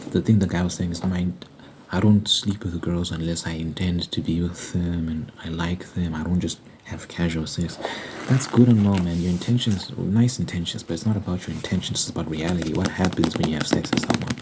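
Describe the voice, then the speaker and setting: Very low-voiced man in an emphatic monologue. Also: background noise. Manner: emphatic, repeats phrases for stress. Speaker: video host. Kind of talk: casual opinionated monologue.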